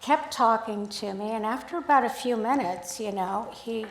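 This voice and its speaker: A woman photographer giving a casual, storytelling talk at an art club, chatty and animated, acting out the dialogue she recalls. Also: on the high side, normal speed, slight background noise. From United States, grew up in Sacramento. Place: art club event room. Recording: echoey room.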